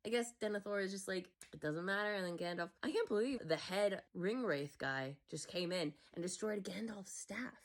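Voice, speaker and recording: A young American woman hosting a movie reaction, rambling casually, swearing and sometimes dropping to a whisper. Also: medium pitch. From United States. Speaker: movie reaction channel host.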